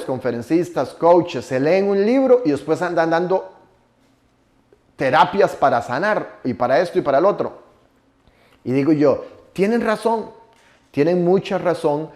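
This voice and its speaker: A man's voice: fairly high pitch, darkish tone. A Costa Rican man in his forties giving a motivational conference talk, emphatic and colloquial, with local slang. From Costa Rica. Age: 40s. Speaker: motivational speaker.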